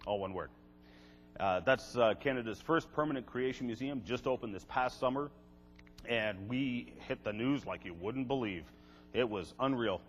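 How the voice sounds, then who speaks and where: A man's voice: medium pitch, normal speed. An older man giving a lecture to a live audience, with wry, sarcastic asides. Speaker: creationist seminar speaker. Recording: echoey hall, faint music.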